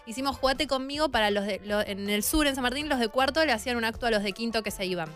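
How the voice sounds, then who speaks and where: A woman's voice: fairly high pitch, quick pace, fairly bright tone, soft background music. A woman with a Rioplatense Argentine accent co-hosting a radio show, telling stories in a playful, self-mocking way. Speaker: radio co-host. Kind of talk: casual radio chat.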